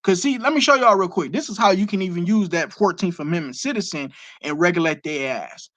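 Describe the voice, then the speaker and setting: This Detroit streamer, fairly high-voiced, answers viewer questions in an emphatic, unscripted lecture with occasional profanity. His delivery is animated and brisk with a slightly bright tone, captured close and dry without echo.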